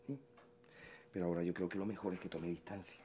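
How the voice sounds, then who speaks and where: An actor playing a gentle, fatherly man explaining why he is leaving the house, in a television drama. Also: sits low, fast, slight background noise, natural voice. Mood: tender. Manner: calm, reassuring, firm. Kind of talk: telenovela acting.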